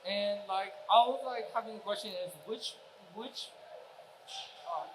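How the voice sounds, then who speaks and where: Man, very high voice, halting question, faint hall noise. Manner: halting, searching for words. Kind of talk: audience question. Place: convention hall audience.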